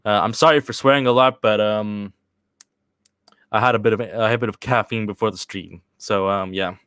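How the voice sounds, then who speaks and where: This young Swedish streamer has a fairly low, steady voice, a bit bright, clear and resonant, captured dry at studio quality. He answers live chat questions casually, rambling and stopping to restart with lots of fillers.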